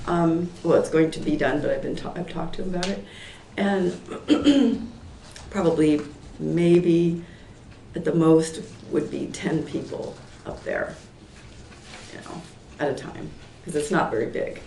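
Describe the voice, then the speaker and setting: Losing her voice, a hoarse Portland, Oregon woman in her 60s testifies informally at a public hearing in a town meeting room. She speaks low and unhurried in a dark tone, rambling through fillers and restarts with light laughs. The recording picks her up from a distance in an echoey hall with faint noise.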